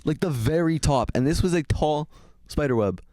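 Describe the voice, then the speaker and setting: A man's voice: on the high side, dark tone, no room sound, clean studio sound. Teasing young man in casual chat. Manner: teasing, quick jokes. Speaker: podcast co-host.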